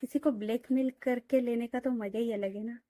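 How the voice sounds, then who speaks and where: A woman's voice: on the high side, steady tone, normal speed, mellow, no echo, studio quality, lightly acted. A woman voicing a cheeky, bratty young woman who teases and wheedles her father.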